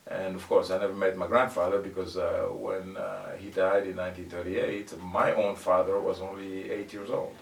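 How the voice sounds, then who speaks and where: Halting older man, distant roomy sound. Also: low-pitched, level tone, gravelly. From Congo. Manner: halting, many fillers and restarts. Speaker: guest musician. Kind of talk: casual interview. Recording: roomy, distant mic, faint noise.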